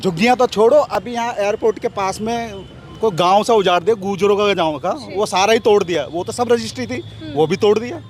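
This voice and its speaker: Passer-by man, high-ish voice, heated, repeats himself. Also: fairly quick, slight background noise. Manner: angry, repetitive complaints. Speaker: passer-by interviewee.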